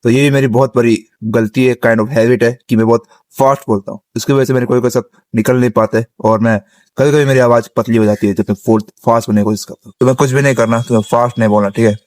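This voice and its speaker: A man's voice: mid-range voice, steady tone, fast talker, darkish tone, dry recording. A young man giving a casual spoken tutorial on vocal tips, outdoors on a rooftop. He explains step by step and keeps checking in with his listeners. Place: outdoors on a rooftop, sitting on the ground.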